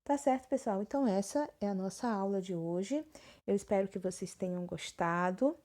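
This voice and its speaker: A woman's voice: mid-range voice, moderate pace, mellow. A woman with a Brazilian Portuguese accent, teaching a recorded grammar lesson and checking in with her students often. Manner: explanatory, frequent check-ins with students. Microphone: phone screen recording.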